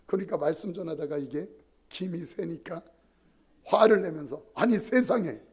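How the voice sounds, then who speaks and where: A middle-aged man preaches from the pulpit with a high, husky voice. His pitch leaps up and down as he tells anecdotes and plays the people in them. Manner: animated storytelling, acting out quoted voices. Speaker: pastor. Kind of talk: sermon with acted-out anecdotes. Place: church sanctuary.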